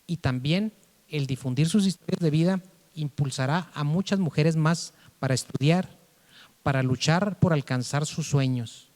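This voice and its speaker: A man giving a formal, measured speech at a book presentation, with some hesitant restarts. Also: on the high side, darkish tone, big-room sound. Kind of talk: formal speech read aloud.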